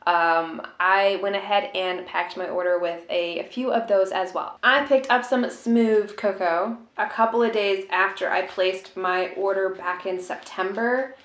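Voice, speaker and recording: A woman's voice: medium pitch, fairly even intonation, measured pace, few pauses. A woman vlogger chatting casually through an unboxing, in an informal, rambling and musing way. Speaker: tea vlogger. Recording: roomy, echoey room sound.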